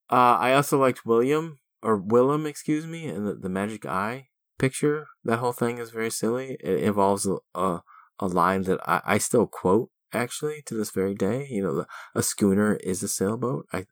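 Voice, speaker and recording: A middle-aged man co-hosting a podcast, chatting casually about a film with wry chuckles and halting restarts. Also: fairly low pitch, a bit bright, dry recording, clean studio sound. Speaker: podcast co-host.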